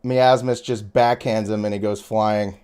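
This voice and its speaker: A man's voice: fairly low pitch, fairly even intonation, darkish tone, smooth. A man narrating as game master of a tabletop game, with an easygoing, chatty manner. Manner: easygoing, chatty, with quick laughs between narration.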